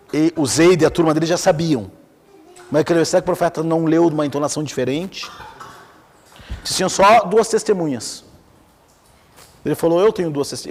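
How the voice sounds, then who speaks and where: A man whose voice sits a little high lectures informally on Islamic theology in a large hall, with slight background noise. His Brazilian accent colors lively storytelling, and he frequently asks the class questions.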